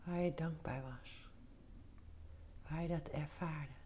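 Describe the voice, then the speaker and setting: Low, very slow, whispery woman guiding meditation. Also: fairly even intonation, slight background noise. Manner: soft, breathy near-whisper, soothing; short instructions with pauses. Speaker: meditation guide. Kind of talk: guided meditation.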